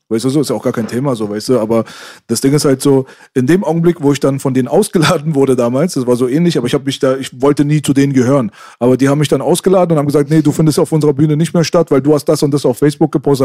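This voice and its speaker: Fast-talking blunt man with a mellow voice. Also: a little high, no room sound, studio quality. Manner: blunt, colloquial, ranting. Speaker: podcast co-host. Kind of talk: casual podcast chat.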